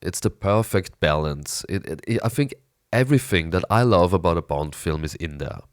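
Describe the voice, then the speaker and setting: A man with a raspy, hoarse voice from a cold, rambling enthusiastically through a casual film review with hesitant restarts. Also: low voice, animated, moderate pace, dry recording, clean studio sound. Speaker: movie review vlogger.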